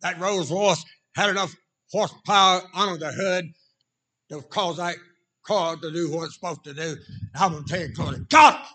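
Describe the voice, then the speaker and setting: Raspy Southern preacher man with a folksy drawl. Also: high-pitched, steady tone, moderate pace, pushed and bright. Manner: folksy drawl, talking directly to the congregation. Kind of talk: informal sermon with jokes and shouts of praise.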